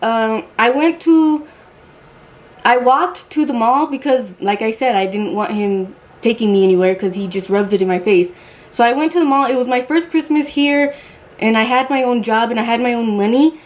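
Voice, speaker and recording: A woman's voice: fairly high pitch, normal speed, rough recording. A young woman vlogger telling a storytime while getting ready, blunt and chatty, swearing freely.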